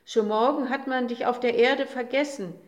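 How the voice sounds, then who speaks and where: Woman doing a shouting, scornful uncle. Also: on the high side, fairly even intonation, normal speed, muffled recording, voice pushed up, close to an everyday voice. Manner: shouting, mocking. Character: scornful uncle day, boastful older male. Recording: roomy echo.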